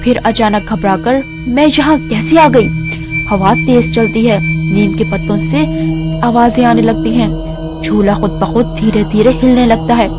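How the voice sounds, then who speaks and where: A woman narrating a scripted horror story in a measured, suspenseful way. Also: on the high side, fairly even intonation. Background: music.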